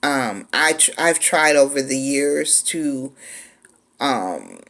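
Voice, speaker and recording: A woman in her forties tells her story in a relaxed, unhurried way. Her voice sits low and has a gravelly, fry-tinged edge. She is chatty and pauses often as she talks. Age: 40s. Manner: laid-back, chatty, with frequent "um" pauses. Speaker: vlogger. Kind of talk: casual storytime.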